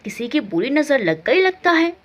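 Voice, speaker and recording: A scheming, meddling older aunt in a family storybook, as a woman narrator puts her on, nosy and full of feigned concern. The lines come out bold and a bit loud, with a voice that leaps up and down. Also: high-pitched, very animated, normal speed. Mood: stirring.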